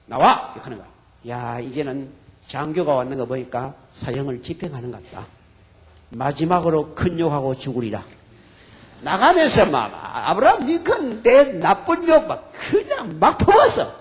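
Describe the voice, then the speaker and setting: Animated Gyeongsang-accented male pastor. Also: high-pitched. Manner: animated storytelling. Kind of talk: sermon.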